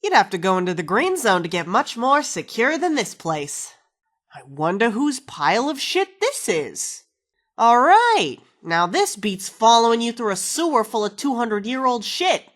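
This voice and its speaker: A woman's voice: a little high, big pitch swings, normal speed. An actress playing a wisecracking, foul-mouthed woman companion in a video game, sarcastic and slangy. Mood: casual, wry.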